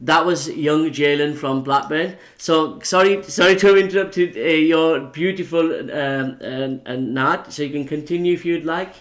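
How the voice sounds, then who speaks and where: Friendly male podcast host. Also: on the high side. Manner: friendly, halting, many fillers and restarts. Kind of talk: casual chat.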